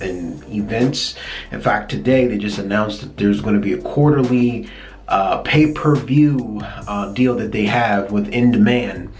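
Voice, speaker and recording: A man hosting his own show, talking casually and excitedly about pro wrestling, often stumbling over and repeating words when fired up. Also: on the low side. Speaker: host.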